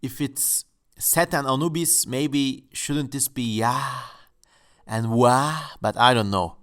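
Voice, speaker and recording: A channel host whose first language is Turkish offers casual exploratory commentary from home. He's playful, musing and tongue-in-cheek, with a mid-range, slightly bright voice and a slow pace.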